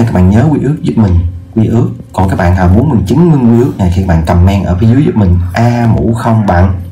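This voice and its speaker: A man teaching a casual video math lesson, often checking in with the viewers and slowing down to spell out numbers. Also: lowish voice, dark tone, a little hiss or hum.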